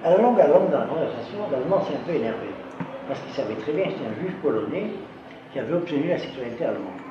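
Man, lecturer, emphatic, rhetorical check-ins, roomy echo, steady background noise. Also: medium pitch, very fast, dull audio. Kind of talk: lecture with audience questions. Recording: echoey room with background noise.

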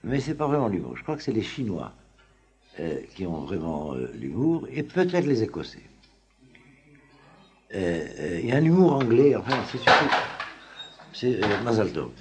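A man teaching a class on the Talmud in an informal, halting lecture full of fillers and restarts. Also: lowish voice, big pitch swings. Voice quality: very husky voice. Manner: halting, many fillers and restarts, chuckles often.

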